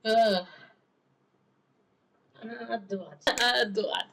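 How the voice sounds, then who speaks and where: A man with an Egyptian Arabic accent commentating his gameplay in a joking, excitable way, often laughing. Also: sits high, slow, creaky. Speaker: gamer. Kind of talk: let's play commentary.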